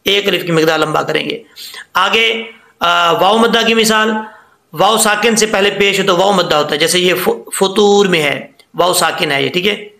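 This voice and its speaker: A man's voice: high voice, moderate pace, gravelly, pushed and bright, echoey room. A man teaching Quran recitation rules, patiently explaining each letter and drawing out the example words to demonstrate them. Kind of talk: tajweed lesson.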